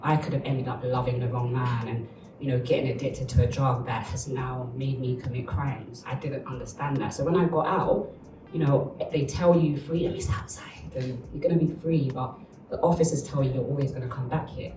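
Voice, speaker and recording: Very low-voiced woman recounting her story. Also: fairly even intonation, moderate pace, echoey room, recorded from a distance, noisy background. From Uganda. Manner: candid, reflective storytelling. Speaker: interviewee. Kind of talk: documentary interview.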